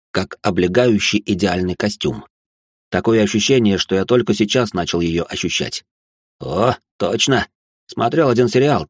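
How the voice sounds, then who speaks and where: Deep husky male audiobook narrator. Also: no echo, studio quality. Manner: casual, slangy storytelling.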